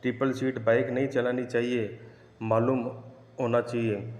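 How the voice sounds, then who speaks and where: A man's voice: mid-range voice, little pitch movement, measured pace, a little mellow, natural voice. A man voicing a teasing young biker friend. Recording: echoey room with long reverb.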